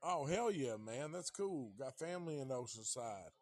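Here the fifty-something Tennessee livestreamer from Nashville uses a medium pitch with lively intonation at a moderate pace. There's no room sound as he rambles, swears, and keeps things relaxed.

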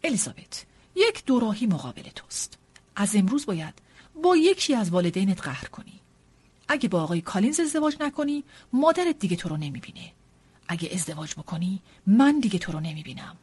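A wry older father in an audiobook, read by a woman. He speaks in a measured, ironic way, never hurried. The voice has a lively lilt and a touch of huskiness. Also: mid-range voice, breathy edge. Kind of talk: audiobook character reading.

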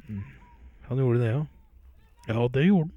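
A man's voice: mid-range voice, expressive, dry recording, phone-quality sound. A man telling rambling folksy jokes in a casual comic style. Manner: rambling folksy joke-telling with filler words. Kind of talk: comic storytelling and sports commentary.

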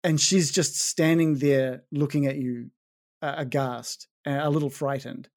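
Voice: medium pitch, fairly even intonation, unhurried. A game master casually narrating a tabletop game scene, using many fillers.

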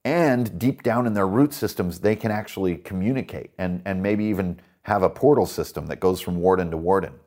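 A man's voice: sits low, fairly quick, few pauses, a little mellow. A man hosting a tabletop roleplaying podcast, talking casually and enthusiastically about worldbuilding with lots of fillers. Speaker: podcast host and dungeon master.

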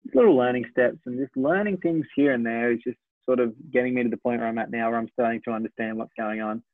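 A man in his twenties from Australia talks over his season as a sprinter, steady and reflective, often stopping to correct his own figures. His voice comes through a narrow, tinny, phone-like line with no room sound, and it sits at an ordinary middle pitch. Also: no echo. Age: 20s. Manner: reflective, measured, self-correcting. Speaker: sprinter, interview guest. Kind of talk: casual interview talk.

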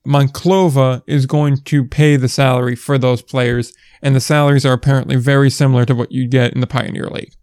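A man's voice: mid-range voice, flat delivery, a little fast, hardly any pauses, darkish tone, clean tone, no echo. A man hosting a casual sports podcast, explaining things at length with dry asides. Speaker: podcast host.

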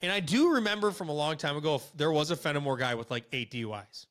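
A young man chatting on a podcast in a fairly high, bright, forceful voice. He is animated and blunt, and he jokes his way through local stories. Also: fast. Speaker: podcast co-host. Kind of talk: casual podcast chat.

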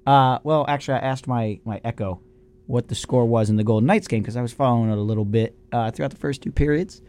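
A man co-hosting a casual sports talk show, animated and opinionated as he reasons aloud. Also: medium pitch, quick pace. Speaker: sports radio co-host.

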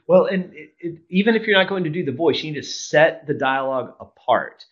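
A man's voice: a little high, animated, fairly quick. Male speaking coach, casual explainer, dull recording. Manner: explains with examples, laughs often. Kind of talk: casual podcast chat.

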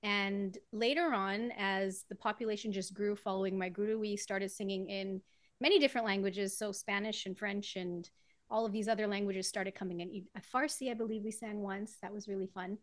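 A woman's voice: medium pitch, steady tone, moderate pace, dry recording. Woman guest singer from Trinidad, chatty with frequent laughs; dry close sound. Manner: chatty, laughs often while explaining. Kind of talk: casual interview conversation.

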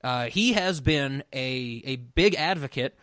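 With an expressive, fairly bright mid-range voice and a slightly slow pace, a man co-hosts a podcast in studio quality with no room sound. The talk is casual and meandering, full of restarts and frequent laughter.

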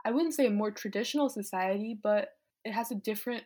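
This fifteen-year-old Vietnamese climate activist talks fast, her medium-pitched voice husky and somewhat dark. Thoughtful and candid, she reflects casually on her life, sprinkling her speech with "like" and "you know."

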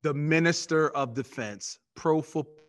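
A man with a slightly higher than usual pitch hosts an interview. He listens closely and answers his guest with short affirmations. He asks his questions in an easy conversational way. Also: moderate pace.

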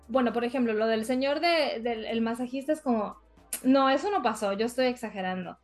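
High-pitched woman from mexico ranting on a podcast, acts out every quote, faint music under it. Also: brisk. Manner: animated storytelling, acts out quotes. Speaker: podcast co-host. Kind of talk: casual chat.

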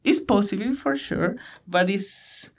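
A gravelly, high-pitched man in his thirties from Chile, a PhD student, is the interview guest here. His Chilean Spanish accent colors his halting English, which is full of fillers and false starts.

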